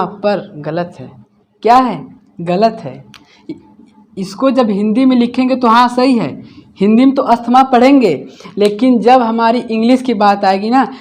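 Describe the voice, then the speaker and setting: A man's voice: sits high, a little mellow. A man teaching English grammar in a class, asking each question and then repeating the answer himself. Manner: explains slowly, step by step. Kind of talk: classroom lesson.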